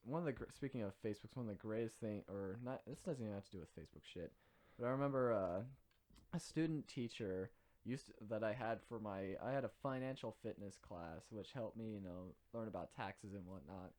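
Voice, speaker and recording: A young man from Washington state, co-hosting a podcast, telling stories in a casual, animated way and swearing freely. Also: lowish voice, brisk. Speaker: podcast co-host. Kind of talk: casual chat.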